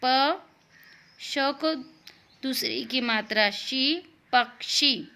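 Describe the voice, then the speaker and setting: A woman's voice: a little high, takes it slowly, bright, forceful tone. A woman teaching a first-grade Hindi lesson, patiently spelling out syllables and explaining words with English glosses.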